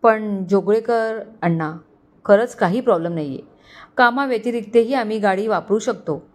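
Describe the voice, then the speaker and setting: A woman's voice: medium pitch, moderate pace, close to an everyday voice. A woman voicing a considerate young man in a romantic story, speaking earnestly and eager to help. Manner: earnest, helpful.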